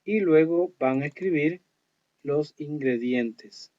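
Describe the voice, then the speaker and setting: A man teaching an online English lesson, explaining slowly and reading English words with care. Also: a little high, warm tone. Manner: slow, explanatory, reads English words carefully. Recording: dull lo-fi audio.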